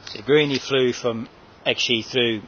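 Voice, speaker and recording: A man's voice: medium pitch, steady tone, moderate pace, pushed and bright, dull audio, a little hiss or hum. A man, talking to a handheld camera outdoors at a house in a rambling home-video vlog full of fillers and restarts. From Australia. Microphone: handheld camera mic.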